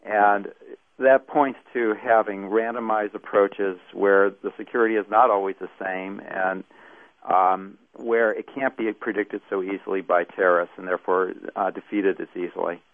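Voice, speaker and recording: Man, academic radio guest, slightly low voice, considered expert commentary, narrow telephone-like sound. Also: fairly even intonation, normal speed, no room sound. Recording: thin phone-like radio line.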